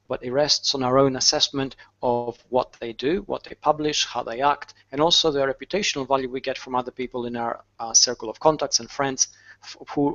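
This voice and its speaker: A man speaking as a guest on a video-call panel, thoughtful, restarting his sentences and filling pauses with ums. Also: mid-range voice, fairly bright tone, dull audio.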